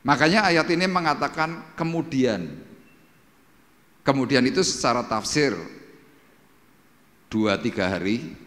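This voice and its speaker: A male pastor with a Javanese accent delivers a Sunday sermon in a mid-pitched voice. He tells stories with energy, switching into loud, animated voices for the people he quotes. The sound carries the long reverb of a church hall. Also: unhurried, pauses often. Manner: lively storytelling, acts out quoted voices loudly. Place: church service.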